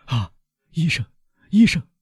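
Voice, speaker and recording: A stricken old household servant, as a male reader puts him on, answering in feeble murmurs and then breaking into frightened, pleading cries. The voice sounds husky and rough, swings widely in pitch, and sits in a dry, close audiobook recording. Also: very animated, a little slow, darkish tone, no room sound, full character voice. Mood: terrified. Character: servant man, poisoned, weak, then panicking.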